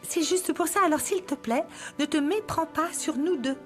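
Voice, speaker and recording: An independent mother and estranged wife played by an actress in a dubbed TV drama. She speaks firmly in a high voice over soft background music. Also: normal speed, lightly acted. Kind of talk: dubbed television drama acting.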